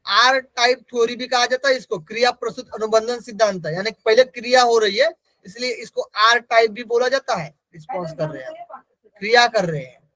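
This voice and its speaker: A man teaches an exam-prep class in a strikingly high voice. He keeps asking the class questions, answers them himself and repeats each key term. The sound is close and dry, with no room around it. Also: fairly quick, bright, forceful tone, no room sound, rough recording. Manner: repeats key terms for emphasis.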